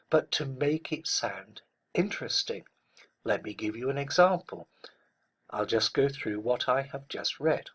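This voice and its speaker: A man speaking as a speech coach, teaching in a measured, deliberate way and stressing each word clearly. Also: mid-range voice, fairly bright tone. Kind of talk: instructional talk.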